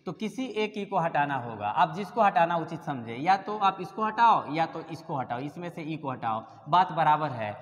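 A man's voice: sits high, a bit bright, long reverb tail. A male English teacher explaining a grammar lesson step by step, often spelling words out letter by letter.

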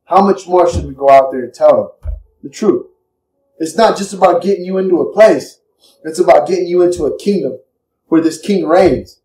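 A man's voice: a little high, normal speed, dark tone, echoey room, recorded from a distance, poor audio. A man preaching with passion and emotion, repeating his lines for emphasis. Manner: impassioned, repetitive, emotional. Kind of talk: sermon.

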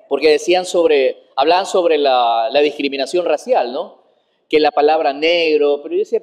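Animated high-voiced man. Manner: animated, rambling, laughs while talking. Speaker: guest comedian. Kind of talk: casual interview chat.

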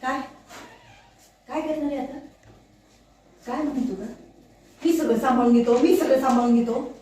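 A woman playing a flustered young wife in a TV serial scene, loud, agitated and half-laughing. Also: high voice, normal speed, a little hiss or hum, natural voice. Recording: echoey room from far off.

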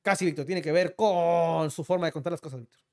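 A young Mexican man teasing his co-host through a joking countdown, tacking the same name onto almost every sentence. His voice sits high for a man, and he talks fast. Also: fairly even intonation. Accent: Mexican Spanish. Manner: teasing, says "Víctor" after nearly every line.

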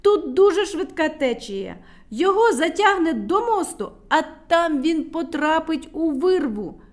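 A woman voicing the shrill, anxious Medunytsia. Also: big pitch swings, unhurried, heavily acted. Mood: alarmed commands. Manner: shrill pleading cries. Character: anxious, bossy tiny woman healer, a shorty.

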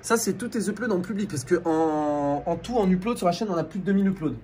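A man's voice: high-pitched, fast talker, darkish tone, a little hiss or hum. Hesitant French man explaining to viewers. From France. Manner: hesitant, many restarts and fillers. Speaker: YouTuber co-host. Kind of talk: casual explanatory chat to viewers.

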